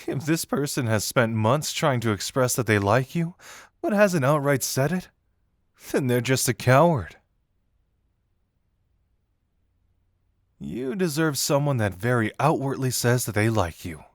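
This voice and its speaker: Man acting Dazai, a teasing, lively flirt. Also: mid-range voice, no echo, studio quality, natural voice. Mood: blunt, dismissive. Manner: teasing, theatrical, drawn-out words. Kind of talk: intimate roleplay audio acting.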